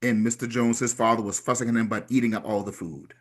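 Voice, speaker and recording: A man's voice: medium pitch, fairly even intonation, quick pace. A man co-hosting a casual movie podcast, laughing often and quoting scenes with gusto. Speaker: podcast co-host.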